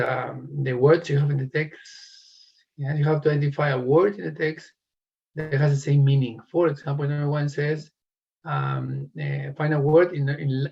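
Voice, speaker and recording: Gravelly, husky male English teacher. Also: a little high, darkish tone, dull audio. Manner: encouraging, calls on students by name. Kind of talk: online class teaching.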